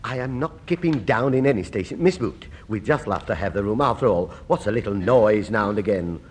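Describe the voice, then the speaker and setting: An actor playing a fussy, flustered lodger who stammers, in a radio comedy. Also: male voice, on the low side, animated, fairly quick.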